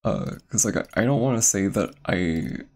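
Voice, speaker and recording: Over game music, a young man streaming a game talks in a low-pitched, animated voice at a moderate pace. His casual chat rambles, full of fillers and restarts, and he sounds a little out of breath.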